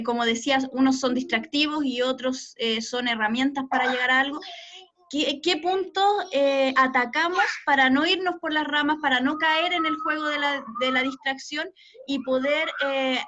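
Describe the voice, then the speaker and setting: High-voiced woman asking a question. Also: a bit bright, muffled recording. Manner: earnest, with frequent fillers. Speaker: audience member asking a question.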